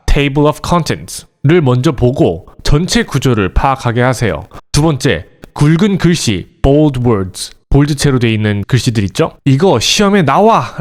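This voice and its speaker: A man hosting an education channel, giving a scripted, animated explainer aimed directly at parents. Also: medium pitch. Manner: lively, animated delivery addressing parents directly.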